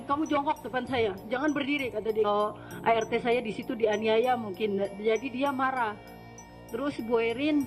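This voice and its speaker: A woman working as a household helper, retelling in a plain, shaky way how she was treated, and acting out the harsh words spoken to her. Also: a little high. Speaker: household worker giving testimony. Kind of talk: personal testimony in a played clip.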